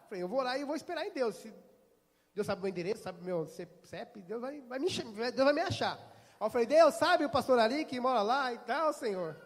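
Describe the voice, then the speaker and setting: High-voiced Brazilian pastor preaching. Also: male voice. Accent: Brazilian Portuguese. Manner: storytelling, acting out dialogue. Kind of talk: sermon. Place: church. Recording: hall reverb.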